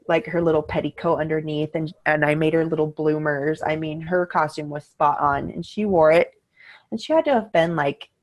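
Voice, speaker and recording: A middle-aged woman co-hosting a podcast, telling a story in casual chat and acting out the quoted lines in a higher voice. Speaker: podcast co-host.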